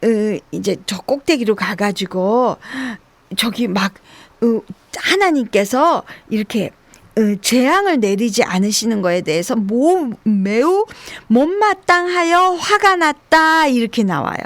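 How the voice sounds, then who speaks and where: Brief: woman pastor, radio sermon, chatty with fillers, somewhat high voice, dry close sound. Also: expressive, slow pace, dry recording. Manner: conversational, many fillers and self-corrections; acts out quoted prayers and instructions to children. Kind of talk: radio sermon on teaching children.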